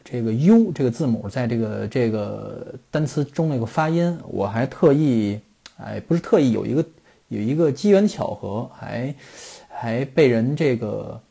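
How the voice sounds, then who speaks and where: A man's voice: mid-range voice, lively intonation, moderate pace, creaky, mellow, husky. A middle-aged man from China hosting a football podcast, explaining things in a rambling monologue full of fillers and restarts.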